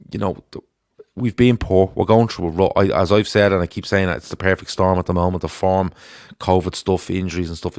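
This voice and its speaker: A man's voice: sits low, a little mellow, no room sound, studio quality. A man with a Dublin accent hosting a casual football panel chat, talking in a rambling, conversational way. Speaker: football show host.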